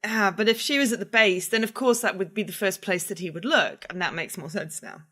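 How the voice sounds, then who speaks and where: A woman, co-hosting a podcast, tossing in sarcastic quips and quick objections about a film. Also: mid-range voice, fairly bright tone. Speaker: podcast co-host. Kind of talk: casual film chat.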